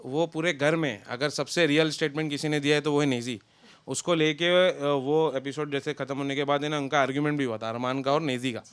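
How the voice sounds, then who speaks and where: A man's voice: a little high, brisk, clear, resonant tone, no echo. A young man, chatting loosely as an interview guest about a friend. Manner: relaxed, talks in loose run-on sentences. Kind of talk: casual interview chat.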